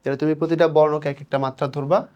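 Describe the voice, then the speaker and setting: A young man leads an exam-prep lesson, his voice sitting a little high for a man. He explains patiently, counts syllables out slowly one by one, and puts on the questions his students might ask. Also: level tone, darkish tone, dull audio. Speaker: teacher.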